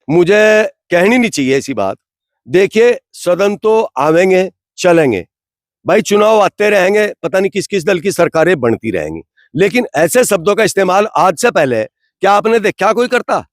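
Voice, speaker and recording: Indignant and rhetorical, a man from the community keeps saying "bhai" as he fires off questions in a heated street interview. He speaks in a high pitch, and the audio is studio quality with no room sound.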